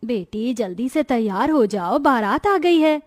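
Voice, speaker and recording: A woman voicing the worried mother of a young bride in a cartoon, gently scolding her daughter. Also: on the high side, lively intonation, unhurried.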